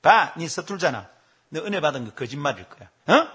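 A man's voice: a little high, big pitch swings, a little fast, bright, forceful tone, breathy edge, exaggerated voice. A man voicing Satan as a sneering accuser. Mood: mocking. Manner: mocking, jeering.

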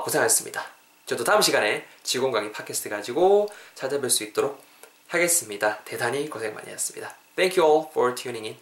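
A male English teacher hosting a podcast lesson. He rattles through explanations, then slows right down to model each phrase again and again for listeners to copy. His voice sits at an ordinary pitch, and the room adds a noticeable echo. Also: a bit bright. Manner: drills phrases, repeats lines for listeners to copy; switches between fast Korean explanation and slow English models. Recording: roomy, echoey sound.

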